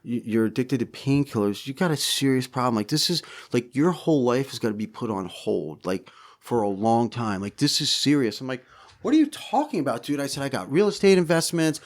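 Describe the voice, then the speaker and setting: A man's voice: mid-range voice, a little fast. A middle-aged man, a podcast guest, telling stories in casual interview talk, acting out quotes with frequent swearing. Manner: animated storyteller, acts out quotes, frequent swearing.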